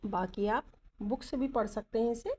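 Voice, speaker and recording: A woman teaching shorthand, going through each letter slowly and repeating the strokes as she writes them. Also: fairly high pitch, darkish tone, husky. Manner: deliberate, repeats letters and directions while writing. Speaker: stenography teacher. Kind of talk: slow step-by-step lesson explaining shorthand strokes.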